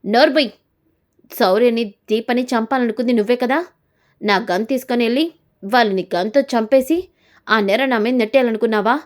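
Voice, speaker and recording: A woman's voice: a little high, fairly quick, pauses often, close to an everyday voice. A woman voicing a proud old grandfather who scolds his granddaughter. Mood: angry.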